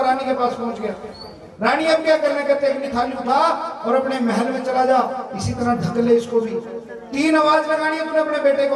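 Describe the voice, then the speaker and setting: Man, devotional storyteller, high voice, far off in a ringing hall, calls on the crowd to answer back. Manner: dramatic call-and-response storytelling, urging the crowd to chant. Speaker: jagran storyteller. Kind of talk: devotional story narration at a night vigil. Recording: echoey hall, distant mic.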